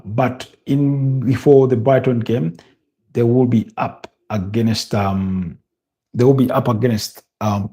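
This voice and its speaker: A man from Africa hosting a football watch-along, giving live match updates and casual news in a deliberate, hesitant way with repeated phrases. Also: medium pitch, dark tone.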